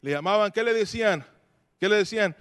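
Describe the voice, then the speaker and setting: A man's voice: sits high, fairly quick, a bit bright, clean tone, dry recording, studio quality. A man preaching a sermon to his congregation, telling stories animatedly, acting out voices and dropping English phrases into his talk.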